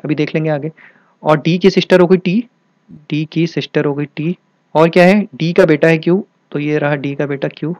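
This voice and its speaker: A man's voice: a little high, a little mellow, no echo. Hindi-speaking man teaching step by step. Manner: repetitive, checks often if students follow. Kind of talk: explaining a reasoning problem step by step.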